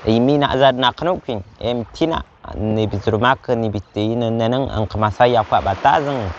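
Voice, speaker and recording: A young man recites a slow, rhythmic prayer in his native language, outdoors on a beach. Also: mid-range voice. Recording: dull outdoor recording with faint sea noise.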